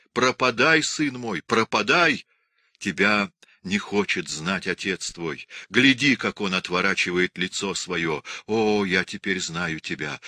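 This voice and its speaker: A man's voice: fairly low pitch, sharp tone, no room sound, studio quality. A man voicing a young Cossack wife, desperate and pleading, in an impassioned storybook reading.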